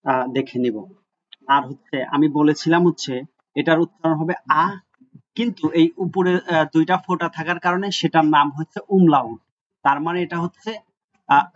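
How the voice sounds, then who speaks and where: A man teaching German letters in a screen-recorded lesson, patient, repeating each sound several times, with many "ah" fillers. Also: fairly high pitch. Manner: frequent "ah" fillers. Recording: dull lo-fi recording.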